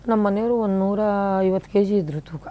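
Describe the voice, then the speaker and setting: A woman's voice: mid-range voice, a little fast. An older woman with a Kannada accent, a guest actress telling life stories in a casual interview and acting out quoted dialogue. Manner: animated storyteller, acts out quoted dialogue.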